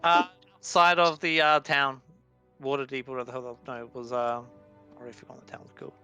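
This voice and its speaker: A man's voice: medium pitch, fast, bright, forceful tone, clear, resonant tone, faint music behind. A man narrating as dungeon master, with a loose, casual manner full of fillers. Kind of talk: narrating a tabletop game.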